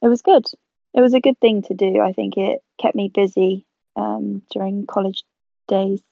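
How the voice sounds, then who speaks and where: Here a gravelly, medium-pitched female voice speaks at normal speed with a level tone. She's a twenty-something photographer from South Africa, a relaxed interview guest quick to laugh, heard on a tinny phone-style line with no echo.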